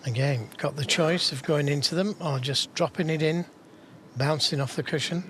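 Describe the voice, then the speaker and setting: A man giving hushed, measured, analytical live snooker commentary as the co-commentator. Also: a little high, a little hiss or hum.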